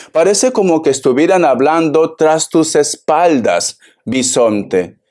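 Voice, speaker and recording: A man's voice: fairly high pitch, darkish tone. A man from Peru, giving a casual, theatrical tarot reading and constantly calling the listener darling. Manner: chatty, keeps calling the listener darling and bison; theatrical, acts out imagined clients. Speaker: tarot reader.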